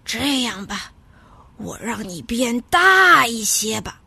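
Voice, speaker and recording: A woman voicing a kind old male immortal who talks slowly and softly to comfort the small animals. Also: a little high, sing-song, gravelly, breathy edge, heavily acted. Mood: gentle, soothing. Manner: slow, soothing, soft.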